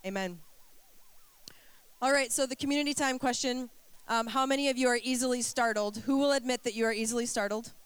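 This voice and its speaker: A woman's voice: a little high, fairly even intonation, quick pace, smooth, dry recording. A woman pastor with a bad cold and a blocked, nasal voice, speaking casually and informally to her congregation. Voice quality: stuffy, nasal, as if nose packed. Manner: informal, self-deprecating, joking with congregation. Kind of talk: casual, conversational sermon.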